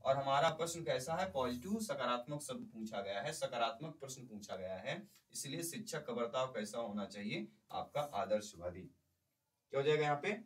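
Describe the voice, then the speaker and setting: A man's voice: mid-range voice, distant mic, poor audio. A male teacher giving an exam-prep lecture, explaining by repeating points and putting questions to the class.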